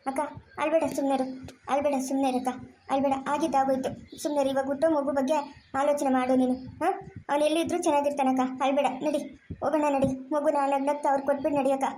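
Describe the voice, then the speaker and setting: A woman's voice: sits high, level tone, fast, dark tone, slight background noise, natural voice. A woman playing a caring younger sister who coaxes and comforts her crying sibling. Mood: soothing. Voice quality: soothing, coaxing. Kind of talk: amateur family drama acting.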